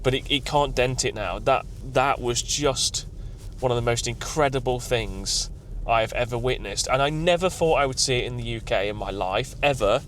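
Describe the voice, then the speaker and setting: A man who works as a tree consultant, vlogging about his day in an excited, rambling, emotional way from his car. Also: mid-range voice, normal speed, few pauses, a little hiss or hum. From England. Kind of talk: vlog. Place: outdoors at night, then in a car.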